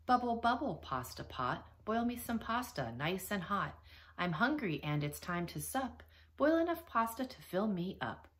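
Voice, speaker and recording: A woman voicing a boastful, foolish young male helper with a slow, scheming delivery in a storybook reading. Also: low-pitched, very animated, fairly bright tone. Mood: singsong.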